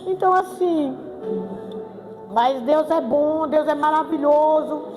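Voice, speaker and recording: An older woman, high-pitched, speaks in an emotional church testimony and repeats her phrases as she pleads. Her voice rings through a long church reverb, with soft music underneath. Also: fairly even intonation, slow. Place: church hall with music behind.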